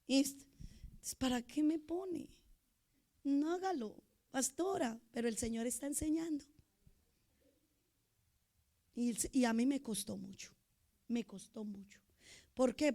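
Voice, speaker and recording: A middle-aged woman pastor, preaching a sermon with emotion, moving between loud outbursts and soft asides. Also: sits high, unhurried.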